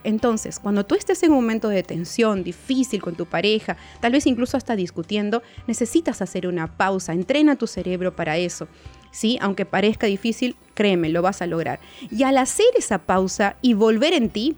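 A woman's voice: medium pitch, expressive, a little fast, darkish tone, faint music behind. A woman psychologist giving relationship advice straight to the listener in a coaching tone, often repeating words and checking for agreement. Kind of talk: advice talk to viewers.

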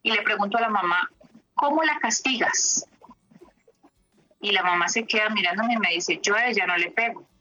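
A woman therapist telling stories from her practice in an interview, reflective and pausing with fillers. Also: medium pitch, fairly even intonation, sharp tone, highs cut off, faint music behind.

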